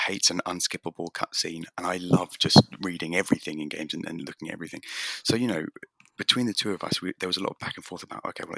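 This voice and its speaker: A man's voice: sits low, creaky, sharp tone, no echo, clean studio sound. A man talking as a podcast guest about making his game, rambling and self-deprecating with lots of restarts. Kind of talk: casual conversation.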